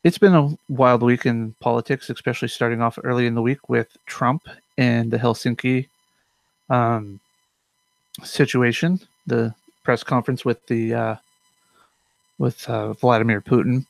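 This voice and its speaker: A man's voice: mid-range voice, steady tone, a little slow, gravelly, no echo. A young man hosting a casual politics show from his room at home, rambling with fillers and self-corrections. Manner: mutters to himself. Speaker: host of a politics commentary show.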